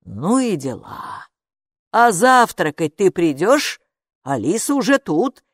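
A woman's voice: fairly low pitch, big pitch swings, slow, dry recording, clean studio sound, heavily acted. Woman playing a sleepy, puzzled dad. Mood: drowsy. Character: sleepy, puzzled father calling from a balcony.

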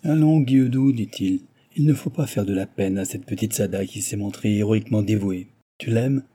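A man's voice: fairly low pitch, moderate pace, warm tone, breathy edge. A man voicing a proud, indignant old French marquis in an audiobook, declaiming vehemently.

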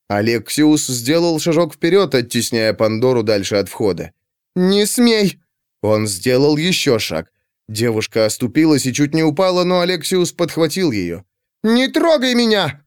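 Smooth-voiced male audiobook narrator. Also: medium pitch, dry recording, studio quality. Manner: measured storytelling. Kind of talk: scripted narration.

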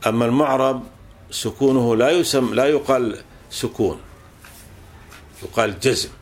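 A man's voice: mid-range voice, moderate pace. A man teaching a classical grammar text, explaining patiently and repeating points with fillers.

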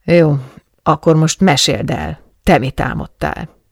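A woman narrator voices a half-awake male lover who teases with a puzzled grin. Her reading stays husky and breathy. The recording is close and dry. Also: deep voice, no echo, full character voice. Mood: teasing. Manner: drowsy, grinning, puzzled. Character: sleepy, teasing male lover. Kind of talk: audiobook reading.

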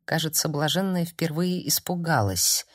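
A woman narrating a story in an expressive, even storytelling manner. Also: low-pitched, moderate pace, dry recording, studio quality. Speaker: audiobook narrator.

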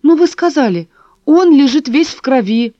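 A woman's voice: high-pitched, lively intonation, moderate pace, dark tone, no echo, pitched above the performer's own voice. A woman voicing an impatient young woman who keeps pressing with questions, on a dull, dry recording. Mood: insistent. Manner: probing, insistent.

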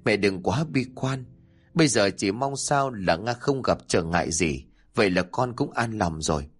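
A man's voice: on the low side, expressive, moderate pace, slightly rough, soft background music. Man voicing a naive, choked-up young husband. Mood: choked soothing. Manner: choked-up, soothing.

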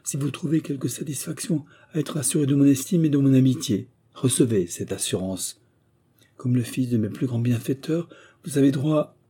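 A man voicing a gentle, tender but firm young woman in an audiobook, reading her replies earnestly and with restraint. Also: mid-range voice, normal speed, breathy edge, pitched above the performer's own voice, natural voice.

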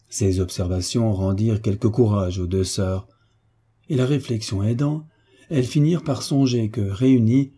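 Husky, dark-toned male narrator. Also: lowish voice. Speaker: audiobook reader. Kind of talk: scripted narration.

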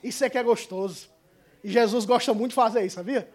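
A male pastor, preaching a fiery, colloquial sermon in a church that swings between shouts and hushed asides. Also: extremely high pitch, quick pace.

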